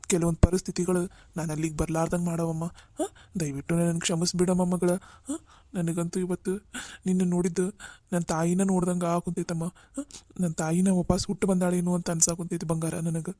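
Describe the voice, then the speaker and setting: Woman doing a cartoon father, tearful, pleading, low voice, dry close sound. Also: level tone, brisk, warm tone, no room sound, lightly acted. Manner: emotional, pleading, tag questions. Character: tearful middle-aged father, long separated from his daughter. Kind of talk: Kannada cartoon voice acting.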